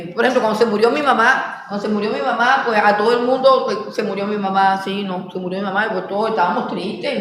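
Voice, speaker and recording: A woman with a Colombian Caribbean accent teaching a Bible class, animated, acting out quotes with laughter. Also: medium pitch. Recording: echoey hall, voice from far off, noisy.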